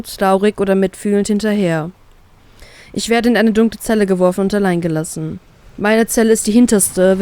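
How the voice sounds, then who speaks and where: Woman reading a first-person story aloud. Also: medium pitch. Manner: expressive reading with voiced character lines. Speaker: fan fiction reader.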